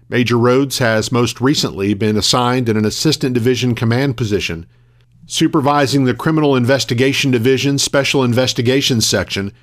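Male local news anchor, mid-range voice, steady formal announcer read from a script. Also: mid-range voice.

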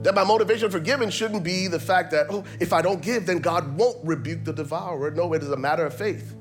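A man's voice: sits high, fast talker, over music. A man from Liberia, preaching a sermon as pastor, emphatic and rhythmic, often repeating phrases.

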